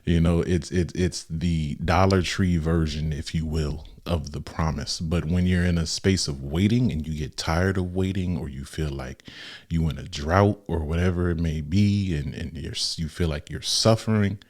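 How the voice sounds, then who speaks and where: Deep-voiced young man chatting casually. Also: normal speed. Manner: relaxed and conversational with slang. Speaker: podcast host. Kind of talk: casual faith podcast talk.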